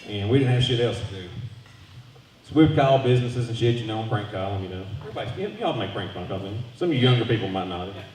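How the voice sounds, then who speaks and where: A man's voice: lowish voice, fast, a little hiss or hum. A man doing a loose, profane stand-up set. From Southern US. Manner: loose, profane storytelling with animated voice jumps. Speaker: stand-up comedian. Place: brewery comedy showcase stage. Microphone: handheld stage microphone. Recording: echoey room from far off.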